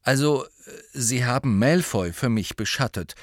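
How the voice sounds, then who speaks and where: Man doing a brisk teenage schoolboy. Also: medium pitch, lively intonation, no room sound, clean studio sound, natural voice. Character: teenage schoolboy, hasty and direct.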